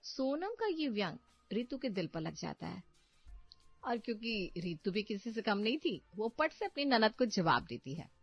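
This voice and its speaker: A woman giving scripted narration of a family story in an even storytelling manner. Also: mid-range voice, normal speed, breathy edge. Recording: muffled, faint background music.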